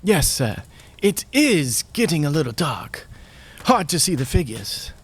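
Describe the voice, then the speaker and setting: Man acting a meek, husky, slow-spoken clerk. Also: on the high side, very animated, exaggerated voice. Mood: meek, hopeful. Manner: deferential, hesitant. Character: meek, kindly, timid male poor clerk. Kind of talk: radio play acting.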